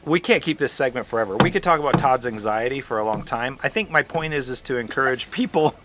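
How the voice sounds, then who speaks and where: A man's voice: medium pitch, a bit bright. A man hosting an RV travel vlog, chatting casually and unscripted, explaining himself with rhetorical questions.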